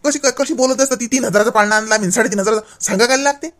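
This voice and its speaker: A man's voice: very high-pitched, a bit bright. A man playing an exasperated adult son who scolds and lectures his mother in a comic sketch. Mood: scolding. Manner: scolding, lecturing, fast and impatient.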